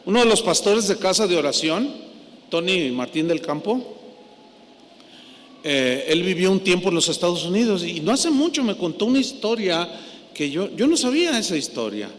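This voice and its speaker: High-voiced preacher in a hall. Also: male voice, moderate pace. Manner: animated, swings from hushed to loud. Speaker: pastor. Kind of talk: sermon storytelling. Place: large church hall. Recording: echoey hall, faint noise.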